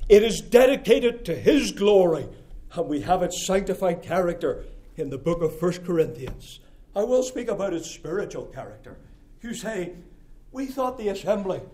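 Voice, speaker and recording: A middle-aged man from Scotia, preaching a sermon, emphatic and rhythmic, swinging from loud declarations to quiet asides. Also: sits high. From Nova Scotia, Canada.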